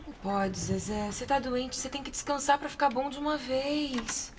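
Casting: female actor as a protective young Brazilian woman, fairly high voice, anxious and gently firm, soap drama, noisy recording. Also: moderate pace, natural voice. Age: young adult. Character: caring, anxious young woman tending sick boy. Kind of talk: telenovela acting. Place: indoor bedroom set.

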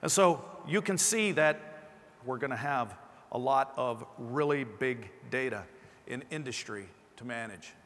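Middle-aged male keynote presenter, slight lisp, mid-pitched, amplified in a reverberant hall. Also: animated, measured pace, fairly bright tone. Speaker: company presenter. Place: large conference stage indoors. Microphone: clip-on lapel mic.

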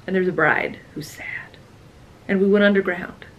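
A woman's voice: medium pitch, fairly even intonation, moderate pace, muffled recording. A young woman in her twenties chatting casually on a travel vlog, tired and a little playful, trailing off into laughs. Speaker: travel vlogger. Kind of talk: casual chat.

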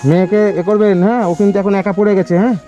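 A man's voice: high-pitched, steady tone, very fast, dark tone, muffled recording, faint music behind. A young man interviewing villagers outdoors, coaxing and repeating his questions. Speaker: charity vlogger host. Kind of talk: casual on-location interviewing.

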